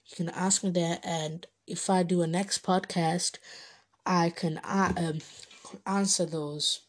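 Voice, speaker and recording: A woman's voice: fairly low pitch, steady tone, slow pace. An eighteen-year-old woman from Bangladesh, hosting her own casual podcast. She rambles, hesitates and restarts her sentences often. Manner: chatty, informal. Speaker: podcast host. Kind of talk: casual solo podcast monologue.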